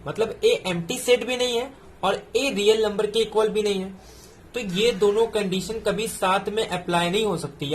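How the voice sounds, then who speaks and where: A man's voice: sits high, slight background noise. A man, tutoring math step by step through exam solutions. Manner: explains step by step, mixing in English terms.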